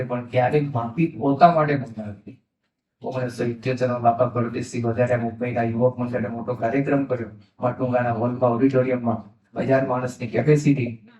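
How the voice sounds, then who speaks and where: A man, a monk, telling devotional stories in a sermon and acting out the dialogue in them. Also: a little high. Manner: animated storytelling, acts out quoted dialogue. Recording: echoey hall, mic at a distance.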